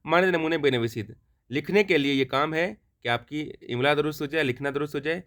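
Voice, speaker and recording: Man, Farsi lesson teacher, slow careful pronunciation, brisk explanations, slightly high voice. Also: fairly bright tone. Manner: reads Farsi sentences slowly and clearly for pronunciation, explains quickly in Urdu. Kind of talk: language lesson explained in Urdu.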